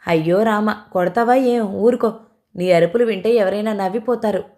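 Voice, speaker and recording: A woman narrator voicing a lively, bossy young female cousin who teases and scolds, in a storybook reading. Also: medium pitch, normal speed, lightly acted. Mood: teasing. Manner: teasing, scolding.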